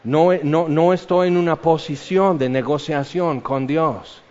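Animated male preacher, dull audio. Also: fairly high pitch, unhurried. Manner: animated, acts out quoted voices. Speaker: pastor. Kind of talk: sermon.

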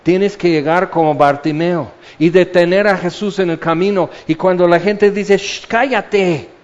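Mexican pastor preaching, lo-fi sound. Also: male voice, sits high, normal speed. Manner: animated, conversational preaching that slips into acted-out voices. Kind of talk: sermon. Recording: dull lo-fi sound.

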